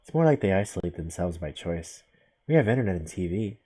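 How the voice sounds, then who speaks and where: An odd, solitary young woman from a visual novel, as a man reads her. She speaks in a flat, deadpan way with no emotion, in a husky voice. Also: deep voice, fairly quick, exaggerated voice. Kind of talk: visual novel character read aloud.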